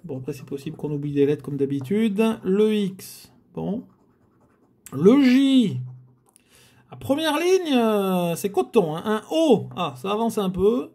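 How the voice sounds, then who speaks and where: A man comments casually on his scratch tickets, speaking to his viewers as if they sat beside him. He takes his time, his pitch rising and falling a lot, with frequent sighs and little groans when the letters don't come. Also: very animated, a little slow, dark tone. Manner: chatty, addresses viewers, frequent sighs and groans at bad luck. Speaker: scratch-card video host.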